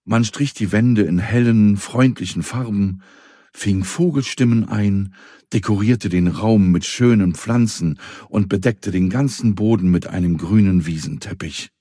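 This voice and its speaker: Deep, husky male storyteller. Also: a little slow, dry recording, clean studio sound. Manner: calm, addresses the listener. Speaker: narrator. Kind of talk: children's story reading.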